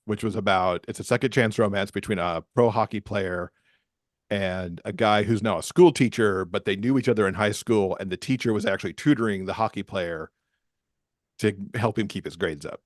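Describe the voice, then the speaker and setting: An American man from Michigan, a romance author, appears as a podcast guest and explains things in a casual, chatty way. His lowish voice moves at a moderate pace, in a studio-quality recording with no echo.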